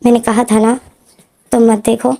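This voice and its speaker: Woman reading a quiet, grieving young man. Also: a little high, little pitch movement, moderate pace, gravelly. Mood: sorrowful.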